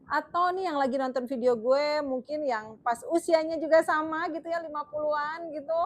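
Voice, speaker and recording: Young woman, chatty, emotional, filler-heavy, slightly high voice. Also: fairly even intonation, normal speed. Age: young adult. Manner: emotional, chatty, full of fillers, laughs often. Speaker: vlogger. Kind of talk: casual storytelling to camera.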